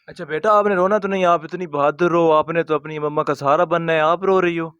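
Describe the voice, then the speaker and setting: Man hosting a street interview, soft reassuring tone, slightly high voice, dry close sound. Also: fairly even intonation, smooth, dry recording, lo-fi sound. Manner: gentle, soothing, repeats reassurances. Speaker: host.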